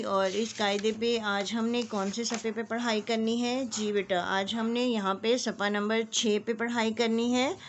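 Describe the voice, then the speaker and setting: Slow, patient woman teacher. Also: a little high. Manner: slow, patient, drawn-out sounding of letters. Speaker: kindergarten Urdu teacher. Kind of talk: online phonics lesson.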